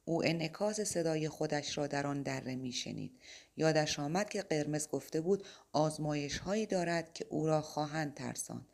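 A woman narrating a spiritual novel as an audiobook, reading in a steady, measured way. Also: sits low, gravelly.

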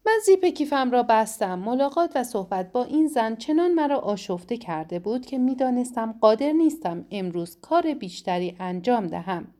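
A woman narrating a first-person book in a measured, plain reading. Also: on the high side, very animated, dark tone. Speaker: audiobook narrator.

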